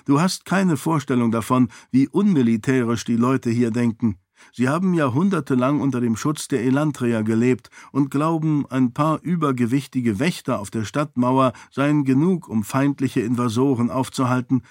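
A man voicing a sharp-witted young royal woman in an audiobook, lifting his voice and talking with quick self-assurance. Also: medium pitch, dry recording, studio quality, voice pushed up, lightly acted. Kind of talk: audiobook character voice.

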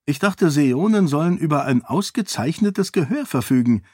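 A man's voice: a little high, animated, normal speed, darkish tone, slightly rough, no room sound, clean studio sound, pitched above the performer's own voice. A man voicing a curious, spirited young noblewoman in an audiobook, talking eagerly and teasingly.

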